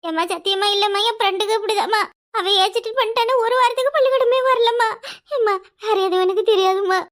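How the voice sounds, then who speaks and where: A woman's voice: very high voice, expressive, bright, forceful tone, exaggerated voice. A woman voicing a cheeky schoolgirl daughter in a cartoon, with a Tirunelveli Tamil accent. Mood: protesting. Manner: pleading, quick and chirpy. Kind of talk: cartoon voice acting.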